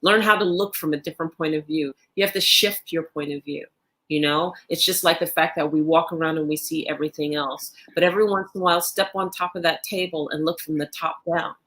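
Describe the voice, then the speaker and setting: Woman co-host, fairly low voice, affirming and reflective motivational talk. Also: fairly even intonation, a little fast, fairly bright tone. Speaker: podcast co-host, wellness presenter.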